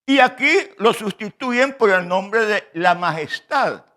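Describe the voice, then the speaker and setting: Male preacher, high and bright voice, unhurried teaching sermon, keeps turning to the congregation. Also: lively intonation. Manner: slow, teaching tone, often addressing the congregation as brothers.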